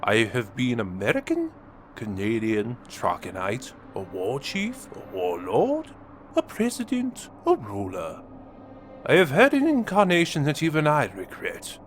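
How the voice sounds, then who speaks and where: The Master, theatrical gloating villain, wildly swooping. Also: male voice, medium pitch, wildly swooping pitch, a little hiss or hum. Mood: brooding boast. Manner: theatrical, sneering, drawn-out delivery swinging between whispers and outbursts. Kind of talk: dramatic villain monologue in a fan audio drama.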